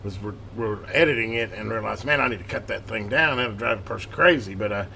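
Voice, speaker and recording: The host of a hobby electronics repair channel gives a casual hands-on tutorial, rambling, folksy, and correcting himself as he goes. His voice is on the low side, quick, pushed, and bright, recorded at a clearly noisy workbench with clear background noise.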